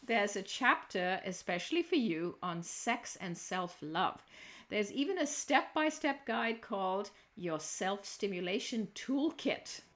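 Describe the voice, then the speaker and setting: A woman's voice: mid-range voice, animated, measured pace, fairly bright tone. A woman hosting a podcast, chatting in an upbeat way and promoting a book. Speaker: podcast host.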